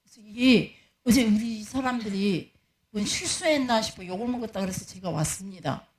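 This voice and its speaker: A woman's voice: medium pitch, a little fast. A middle-aged woman, a pastor's wife preaching a storytelling sermon and acting out the dialogue she recounts.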